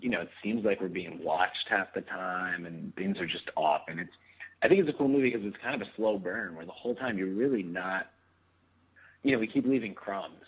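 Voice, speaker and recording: A man in his thirties talks casually as an interview guest. He rambles through plenty of fillers and laughs easily. His slightly low, husky voice comes through a thin, phone-like line. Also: brisk. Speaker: guest actor.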